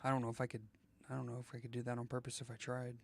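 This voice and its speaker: A man's voice: mid-range voice, completely flat delivery, rapid-fire, vocal fry, slight background noise. A man chatting casually while live-streaming a game, rambling and joking as he thinks aloud, often restarting his sentences.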